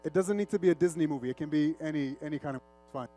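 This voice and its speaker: Very fast and dark-toned, this man's voice sits on the high side over soft background music. A middle-aged Arabic speaker from Lebanon who grew up in Saudi Arabia, he is a media executive and conference speaker. On stage he presents informally and interactively, alternating Arabic and English.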